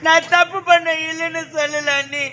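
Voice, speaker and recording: A man's voice: very high-pitched, flat delivery, normal speed, bright, forceful tone, a little hiss or hum. A man on a village stage playing a proud scheming young princess, first pleading, then taunting. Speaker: stage actor in female role. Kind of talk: village stage drama acting.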